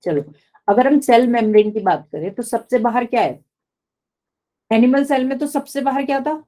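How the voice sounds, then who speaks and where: गहरी मधुर आवाज़ वाली शिक्षिका. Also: female voice, on the high side, normal speed, dark tone. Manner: explains step by step, keeps asking the class questions. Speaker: biology teacher. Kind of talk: live online class lecture.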